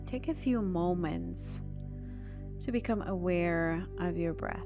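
Slow, soft-spoken woman guiding meditation over music. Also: lowish voice. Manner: slow, deliberate phrases with long pauses. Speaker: health astrologer and meditation guide. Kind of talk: guided meditation.

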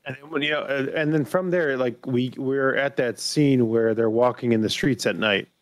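A man's voice: medium pitch, normal speed, no room sound. A man co-hosting a casual review podcast, talking bluntly and swearing casually. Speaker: podcast co-host.

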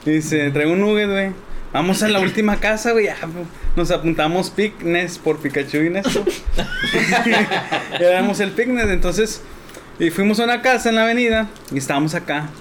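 Slangy man with a high voice. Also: normal speed, background noise. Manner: slangy, rambling. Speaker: podcast co-host. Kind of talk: casual chat, storytelling.

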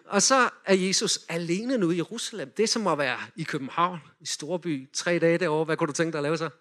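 A man in a lively sermon, retelling a Bible story and directing volunteers as they act it out. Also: fairly high pitch. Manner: animated, directs volunteers with quick cues.

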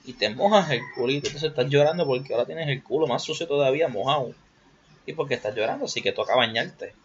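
A man's voice: mid-range voice, fast. Young puerto rican guy rambling solo, crude jokes, bit of english thrown in, kinda muffled audio, faint noise behind. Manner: rambling, crude and joking, slips English words into Spanish. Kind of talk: casual solo monologue.

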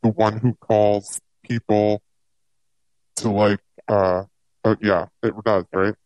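A host talking through a voice changer that lowers the pitch into a deep robotic tone, chatting casually and upbeat in a live audio interview. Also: level tone, takes it slowly, a little mellow, no room sound, muffled recording. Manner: chatty, upbeat, filler-heavy.

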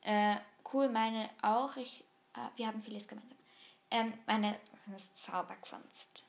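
Woman thinking aloud, slightly high voice. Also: steady tone, a little slow, creaky. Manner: thinks aloud, hesitant with many fillers and restarts; reads text aloud, skims with bla bla. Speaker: vlogger taking an online quiz. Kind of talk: casual chat reading quiz questions aloud.

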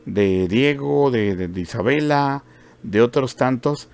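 A man's voice: medium pitch, animated, slow pace, vocal fry, darkish tone. A man who hosts a tech channel, chatting casually as he demonstrates screen-reader voices and explains what he hears. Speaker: tech channel and podcast host.

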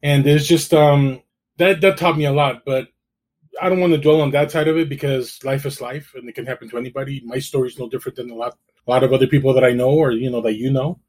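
A middle-aged man from El Salvador, a realtor who is a guest on an interview, telling his story in a relaxed way with dry, self-deprecating humor. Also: mid-range voice, quick pace.

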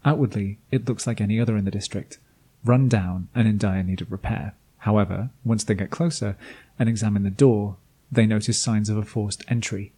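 A man's voice: fairly low pitch, steady tone, a little fast, mellow. A man reading a scripted recap of a tabletop campaign as game master, with dry, self-deprecating asides. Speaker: game master and podcast host.

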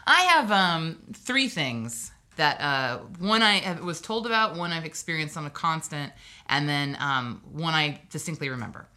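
A woman from Hawaii chats on a podcast. Her voice sits a little low but sounds bright and forceful. She tells personal stories in a wry, digressive way, full of asides. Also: expressive, normal speed. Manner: chatty, wry storytelling with asides. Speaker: podcast guest. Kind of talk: casual podcast chat.

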